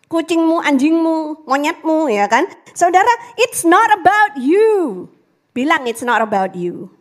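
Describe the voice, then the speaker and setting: A woman preaching a lively sermon, calling out to the congregation and dropping to a whisper on prayer lines. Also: sits high.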